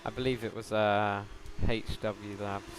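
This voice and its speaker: Male co-commentator, lowish pitch, informal analytical sports talk. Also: little pitch movement, unhurried, music in the background. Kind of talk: casual race analysis.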